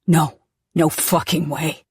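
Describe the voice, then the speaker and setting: A woman voicing a cornered middle-aged father who yells and refuses, then breaks down. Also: sits low, level tone, takes it slowly, breathy edge, no room sound, clean studio sound, full character voice. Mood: desperate.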